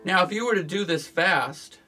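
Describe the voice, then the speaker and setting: Guitar teacher, male, slightly high voice, calm how-to delivery, counts beats aloud, guitar strumming under his talk. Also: moderate pace. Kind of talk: relaxed instructional talk. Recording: guitar playing behind the voice.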